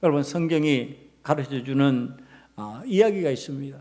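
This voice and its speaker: A man's voice: mid-range voice, lively intonation, moderate pace, dark tone. A man pastor preaching a sermon emphatically, firing off rhetorical questions. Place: church sanctuary. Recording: long hall reverb of a church.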